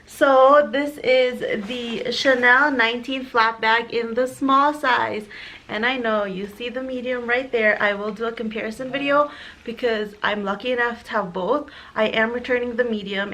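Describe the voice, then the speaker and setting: A woman filming an excited unboxing vlog at home, gushing and a little out of breath, dropping now and then to a soft whisper. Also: a little high, normal speed, poor audio. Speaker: vlogger. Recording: audible background noise.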